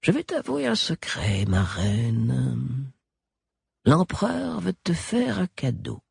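A man's voice: mid-range voice, wildly swooping pitch, slow, gravelly, a little mellow, slightly rough, dry recording, studio quality, pitched above the performer's own voice, full character voice. A man playing a smiling, honeyed doctor who talks down to his patient like a child. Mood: sinister soft. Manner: sugary, reassuring, condescending. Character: smiling honeyed male doctor, creepily soothing.

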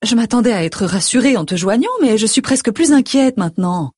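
A woman voicing a worried middle-aged mother who fires off anxious, pleading questions in a breathy voice. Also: fairly high pitch, animated, darkish tone, dry recording, studio quality, voice pushed up. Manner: rapid stream of anxious questions.

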